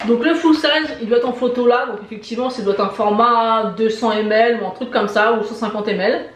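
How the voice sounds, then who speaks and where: Brief: enthusiastic female beauty vlogger, slightly high voice, echoey room, chatty unboxing tone. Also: brisk, recorded from a distance. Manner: chatty, enthusiastic, many fillers and repeated "très très". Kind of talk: casual unboxing review. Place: indoor room with shelves of lipsticks behind.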